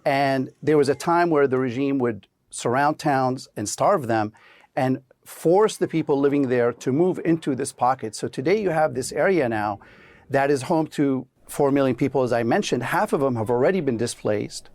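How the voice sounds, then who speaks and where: A man's voice: mid-range voice, normal speed, darkish tone. A man from Syria, a former policy adviser, earnestly explaining events as a guest on a news program. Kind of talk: remote news interview.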